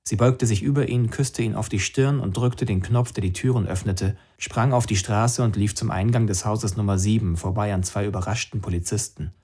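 A man reading a novel aloud in calm, measured scripted narration. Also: fairly low pitch, slightly rough. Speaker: audiobook narrator.

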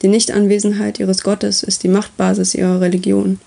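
Patient lecturing god guy, soft mellow husky tone, storybook reading, woman doing it. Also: mid-range voice. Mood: calm. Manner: calm, unhurried, explaining. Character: calm, lecturing male god, patient and wry.

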